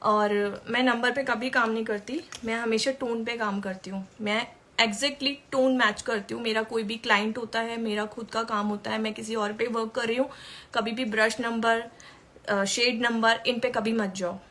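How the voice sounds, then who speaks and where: A woman's voice: fairly high pitch, steady tone, normal speed, a bit bright. A woman makeup artist teaching makeup in a chatty way during a live-stream tutorial, answering viewer questions as she works.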